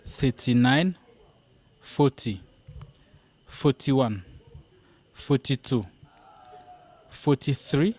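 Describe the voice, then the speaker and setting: A man leading a counting drill, saying each number loudly with a pause after it. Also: mid-range voice, lively intonation. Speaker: language teacher.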